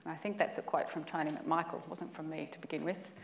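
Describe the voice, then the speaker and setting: A gravelly, low-pitched woman's voice comes across in a level tone at a fast clip, recorded from a distance with slight background noise. She is an Australian conference speaker in her forties, giving an earnest, emphatic talk at a lectern and building lists for effect, in an indoor conference room or lecture hall where the set-back mic catches plenty of echo.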